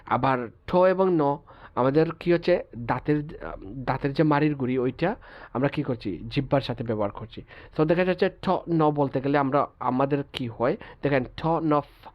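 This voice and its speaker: A man teaching English pronunciation in a class lecture, patiently repeating example words slowly and checking that students follow. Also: a little high, lo-fi sound.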